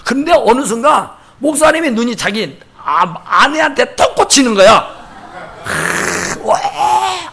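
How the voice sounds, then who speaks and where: A male pastor preaching a sermon in a church sanctuary, telling stories in an animated way and acting out the people in them. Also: very high voice, normal speed, vocal fry, few pauses. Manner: animated storytelling, acting out quotes.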